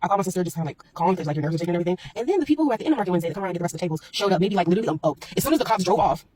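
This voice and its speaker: A woman's voice: fairly low pitch, animated, rapid-fire. A woman who talks at a breakneck clip, piling up fillers and restarts as she rambles through a storytime vlog. She sounds exasperated and still shaken, and a faint hiss of noise sits under her voice. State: shaken, upset. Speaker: market vendor telling a personal story. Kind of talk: storytime vlog, unscripted retelling.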